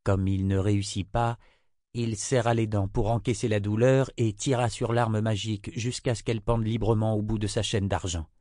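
A man narrating a fantasy novel in a steady, even reading voice. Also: on the low side, normal speed, no echo, studio quality. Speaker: audiobook narrator.

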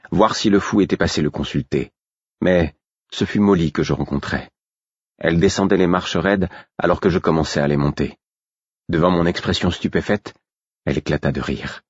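A man narrating a story in the first person as an audiobook, with measured, even storytelling. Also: low-pitched, husky, no room sound. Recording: dull, dry recording.

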